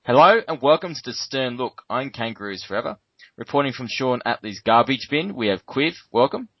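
A man's voice: medium pitch, animated, a little fast, breathy edge, dry recording, highs cut off. An Australian man hosting a fan sports panel podcast. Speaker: podcast host.

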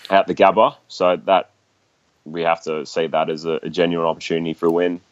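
A man's voice: low voice, level tone, brisk, no echo. An Australian man talking casually as a guest in a sports discussion, on slightly dull, lo-fi audio.

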